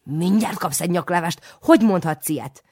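A reader voicing a fussy, doting elderly village aunt who calls out and scolds in a high, shrill voice. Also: animated, a little mellow. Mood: scolding.

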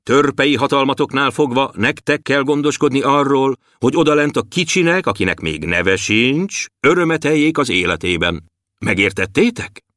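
Férfi által hangolt szigorú törpefejedelem. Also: male voice, medium pitch, expressive, fairly bright tone, no room sound, studio quality, voice pushed up, lightly acted. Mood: stern. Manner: scolding, earnest. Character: stern elderly male dwarf prince.

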